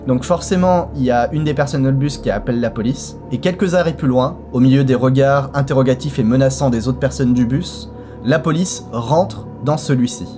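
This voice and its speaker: A man telling a story in a casual vlog, lively and colloquial, and speaking straight to his viewers. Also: mid-range voice, a little fast, music in the background.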